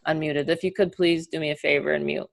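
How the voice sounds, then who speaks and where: Energetic New York woman, lower-pitched voice. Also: fast, vocal fry. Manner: energetic, chatty, encouraging. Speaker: online marketing coach and host. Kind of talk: casual webinar training and motivational talk.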